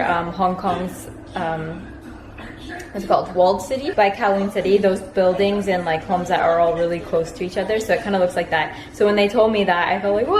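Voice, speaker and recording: Chatty young woman vlogging in a roomy space. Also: fairly low pitch. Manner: chatty, frequent "like" fillers. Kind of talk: casual vlog chat. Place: home, indoors. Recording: roomy echo, distant from mic, faint noise.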